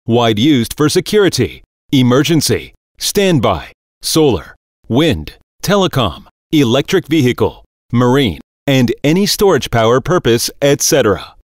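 A man reading a scripted corporate video narration, working through long lists in a steady, measured cadence. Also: mid-range voice, dry recording. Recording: dry voice-over.

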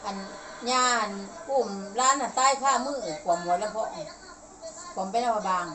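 An older woman with an Isan accent, chatting casually and reminiscing in a rambling, halting way. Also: medium pitch, crowd noise. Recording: noisy home-style recording.

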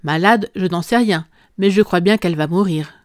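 A woman's voice: fairly low pitch, moderate pace, no room sound, natural voice. Woman voicing a gardener, storybook, blunt, matter-of-fact, dry sound.

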